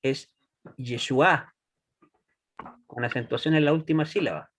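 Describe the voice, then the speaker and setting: A man teaching a Hebrew class, patient and deliberate, often checking that students follow. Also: fairly high pitch, animated. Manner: patient, checks understanding with frequent "¿ya?"; slow and deliberate, repeats words for students. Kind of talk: classroom lesson.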